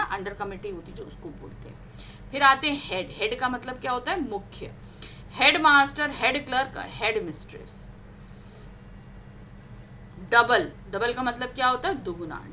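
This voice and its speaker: Bright-voiced woman teaching grammar. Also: on the high side, slight background noise. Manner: slow, stressed word-by-word examples, asks and answers her own questions. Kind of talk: classroom lesson reading word examples aloud.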